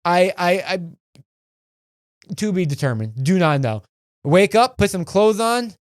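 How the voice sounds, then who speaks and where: A man's voice: sits high, big pitch swings, unhurried, clear, resonant tone, no room sound, clean studio sound. A young man in his twenties, a podcast co-host telling a rambling, profane story in casual chat.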